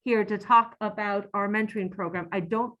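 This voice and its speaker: A woman chairs a board meeting over a computer mic on a video call. Her voice sits in a middle pitch. She stops and restarts often, filling the gaps with ums. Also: steady tone, a bit bright, lo-fi sound. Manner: halting, with many ums and self-corrections.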